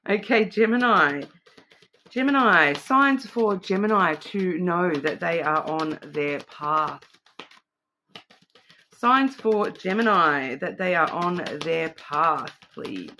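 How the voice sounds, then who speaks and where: A woman's voice: on the low side, animated, slow, sharp tone, a little hiss or hum. A middle-aged woman giving a casual psychic card reading, thinking aloud in a rambling, intuitive way. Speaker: card reader.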